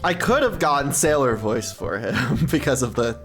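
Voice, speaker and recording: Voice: mid-range voice, expressive, unhurried, a bit bright, faint music behind. A streamer chatting casually and joking while playing a game with a co-host. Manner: chatty, joking about voices. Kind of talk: casual let's-play chat.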